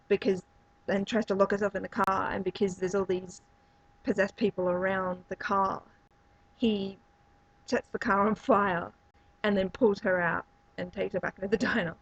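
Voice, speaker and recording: Woman reviewer, chatty and meandering, slightly raspy tone, muffled low-fi recording. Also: no echo. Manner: rambling, many fillers and restarts. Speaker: movie reviewer. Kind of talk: casual spoken review.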